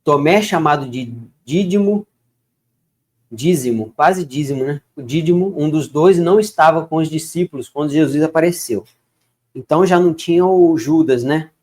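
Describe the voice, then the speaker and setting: A man reading Bible verses aloud and breaking off into relaxed, chatty commentary. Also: a little high, normal speed. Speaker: bible reader.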